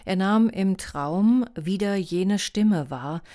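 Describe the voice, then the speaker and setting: A woman narrating a novel as an audiobook in an even, measured reading. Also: medium pitch.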